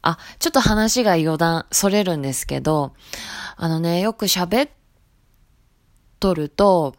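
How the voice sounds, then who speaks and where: A woman with a Hiroshima accent talks through her voice blog in a loose, friendly way. Her voice sits a little low for a woman, and her dialect colours her speech more as she relaxes. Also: lively intonation, measured pace. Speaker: shop sales staff hosting a voice blog. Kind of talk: casual spoken voice blog.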